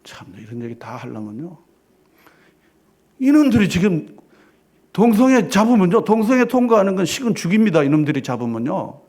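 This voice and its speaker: Male pastor in church: husky, slightly high, preaches with loud declarations and hushed asides. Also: very animated, normal speed, pauses often. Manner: emphatic preaching with rhetorical questions. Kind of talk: sermon.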